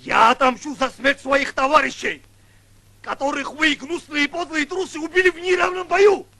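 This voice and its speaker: An actor playing a vengeful warrior in an adventure film, declaiming in a bombastic, theatrical manner. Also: male voice, fairly high pitch, wildly swooping pitch, unhurried, creaky, pushed and bright, slightly rough, full character voice. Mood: vengeful, solemn. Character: vengeful warrior swearing a bloody oath. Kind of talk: Soviet adventure film acting.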